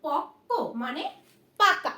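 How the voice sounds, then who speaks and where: Woman teacher, high voice, keeps asking the class "right?", echoey room. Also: lively intonation, takes it slowly, bright, forceful tone. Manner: asks the class questions, repeats words, says "ঠিক আছে?" again and again. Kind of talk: online spelling lesson.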